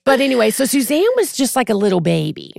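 A woman in her forties, a podcast guest, telling a personal story in a casual, animated way and acting out what others said. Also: fairly high pitch, fast talker, creaky, no echo, studio quality. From Texas. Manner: animated, acts out quoted voices.

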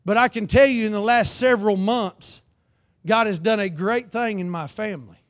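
A male preacher, keeping a moderate pace, calls for amens while reading scripture aloud. His sermon sways between emphatic loud lines and low, heartfelt ones.

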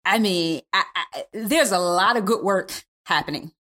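A woman podcast host asking questions in an animated, halting way with many restarts. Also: medium pitch. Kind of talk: podcast interview.

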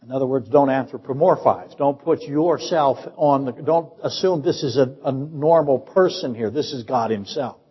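At normal speed and with few pauses, an older pastor with a medium-pitched, slightly rough voice delivers a sermon in a church sanctuary. He keeps posing rhetorical questions to teach the congregation. The recording is echoey and dull.

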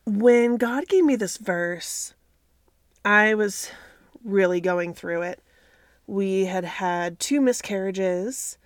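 A woman's voice: mid-range voice, slow, clear, resonant tone, dry recording, clean studio sound. A woman hosting a faith podcast, talking in an earnest, chatty way while recording inside a home clothes closet on a computer microphone. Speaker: podcast host. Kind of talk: casual faith podcast talk.

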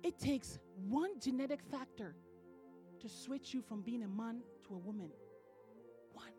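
Woman minister, high voice, preaching with rising emphasis in a church. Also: animated, measured pace, dark tone, faint music behind. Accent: non-American English. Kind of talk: sermon.

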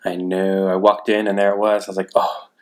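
A man's voice: sits low, level tone, fast talker. A man hosting a podcast in a casual conversational style, introducing segments and chatting with his co-host.

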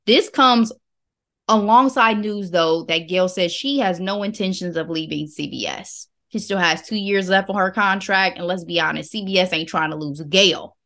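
A woman's voice: fairly low pitch, moderate pace, a bit bright. An American woman co-hosting a chatty podcast. She reads out the headlines, then drops into slangy, easygoing banter with her co-host. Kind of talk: casual chat.

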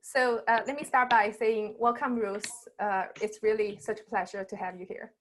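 Casting: female webinar host, mid-pitched, loose and filler-heavy, speaking over a video call. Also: steady tone, normal speed, a bit bright, a little hiss or hum. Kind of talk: introducing a guest in a webinar.

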